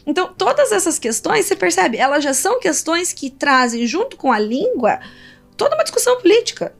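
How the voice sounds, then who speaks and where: Brazilian woman, high voice, engaged academic guest, rhetorical and animated. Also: a little fast, gravelly, soft background music. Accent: Brazilian Portuguese. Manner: animated, poses rhetorical questions, many fillers. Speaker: linguist guest. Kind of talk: conversational interview answers.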